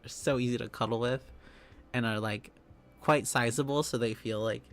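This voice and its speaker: A man's voice: medium pitch, steady tone, normal speed, a bit bright. A young man streaming live, chatting casually with viewers, giggling often and rambling through restarts.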